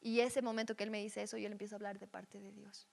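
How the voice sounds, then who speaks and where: A woman's voice: mid-range voice, flat delivery, fast, gravelly, darkish tone, in a large hall. A woman giving a teaching session on dreams. She speaks conversationally and often checks in with her listeners. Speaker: Bible teacher.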